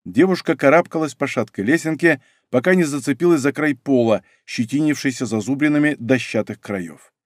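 A man reading a dramatic audiobook in a steady, tense storytelling manner, close to the mic. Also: medium pitch, fairly quick, no echo. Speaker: audiobook narrator.

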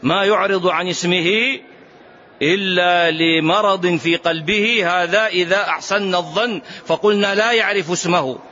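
High-voiced man giving an emphatic religious lesson. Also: normal speed, sharp tone. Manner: emphatic, asks rhetorical questions and repeats key phrases. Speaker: Islamic lecturer. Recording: dull lo-fi lecture recording.

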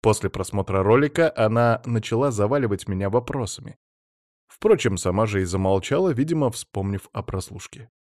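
Low-voiced man narrating an audiobook. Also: expressive, brisk, darkish tone, dry recording, studio quality.

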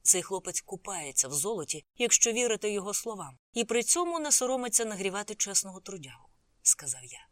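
A woman's voice: mid-range voice, big pitch swings, fast talker, no echo, studio quality. A woman narrating a novel as an audiobook, reading the characters' lines in her own voice.

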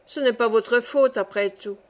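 A genial old male saint who keeps heaven's gate, as a woman reader puts him on, fatherly and reassuring in an audiobook tale. His voice sits fairly high, and the words come slowly and unhurriedly. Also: darkish tone, natural voice.

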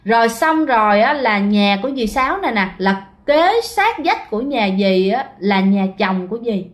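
A woman's voice: a little high, big pitch swings, normal speed. A woman with a Southern Vietnamese accent telling a ghost story in a casual, chatty way, often speaking straight to her listeners. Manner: chatty, keeps addressing listeners directly.

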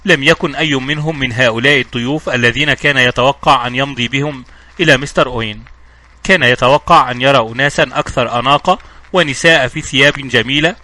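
A man narrating a novel aloud as an audiobook, in a brisk storytelling manner with small slips and restarts. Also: medium pitch, sharp tone.

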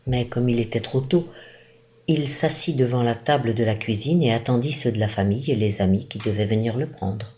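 A woman reading a classic short story aloud in a slow, measured, expressive narration. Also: a bass voice, muffled recording. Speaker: reader. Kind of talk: literary audiobook narration.

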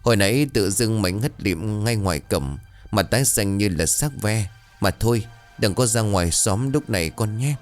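A worried old grandmother in a spoken ghost story, scolding in anxious warnings, voiced by a man telling the tale. The voice stays low and plain, close to his own reading voice, with faint music underneath. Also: lively intonation, normal speed, close to an everyday voice.

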